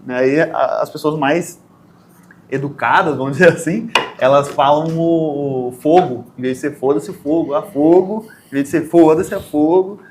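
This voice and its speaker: A man with a southern Brazilian accent, a podcast guest who tells stories in a lively way and acts out the lines of people in them. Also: a little high, normal speed, noisy background. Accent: Brazilian Portuguese, southern Brazil. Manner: animated storyteller, acts out quotes. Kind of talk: casual podcast interview.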